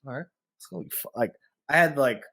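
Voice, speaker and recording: Brisk and medium-pitched with some vocal fry, this Hawaiian man hosts a podcast and chats loosely in slang. He spins a lively story and performs his own thoughts as he goes.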